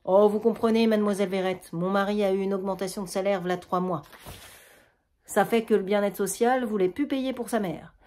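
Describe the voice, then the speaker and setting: A worn-out, complaining Quebec housewife, acted by a woman reading a play aloud. She talks a little higher and quicker than the reader's own voice, fussing and grumbling. Her accent is Quebec French. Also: steady tone, warm tone, close to an everyday voice. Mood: weary. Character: harried middle-aged housewife caring for her mother-in-law.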